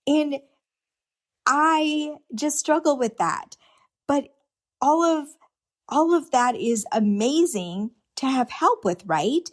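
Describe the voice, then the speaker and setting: Her voice is high-pitched and expressive, and she speaks slowly with many pauses. Hosting a reflective solo podcast, this middle-aged woman talks earnestly and off the cuff, restarting sentences and posing rhetorical questions.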